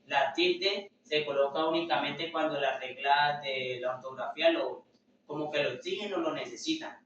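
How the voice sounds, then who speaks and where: A young man gives a slow, hesitant class presentation, full of fillers and restarted words. His voice is bright and a little high, and it reaches a distant mic in a very echoey room. The recording is dull and lo-fi. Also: slight background noise. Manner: hesitant, filler-heavy, self-correcting. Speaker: student presenter.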